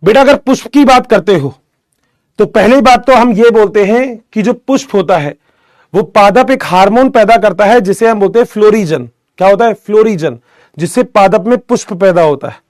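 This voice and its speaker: A man's voice: high-pitched, animated, normal speed, a little mellow, dry recording, clean studio sound. A young man teaching biology in a casual, joking manner, telling a story to his students and calling them beta. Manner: chatty, addresses students as beta, jokes often. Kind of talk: casual classroom lecture with storytelling.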